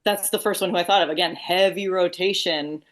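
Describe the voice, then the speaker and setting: A woman's voice: on the low side, fairly even intonation, fairly quick, fairly bright tone, a little hiss or hum. A woman guesting on a podcast, chatting casually and sounding amused. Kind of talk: casual chat.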